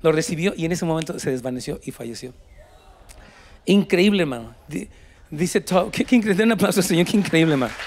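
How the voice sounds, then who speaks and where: A man's voice: a little high, animated, a little fast, a little hiss or hum. A man with a Mexican Spanish accent preaching a sermon, telling a story and then exhorting his congregation, slipping between Spanish and English. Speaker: pastor.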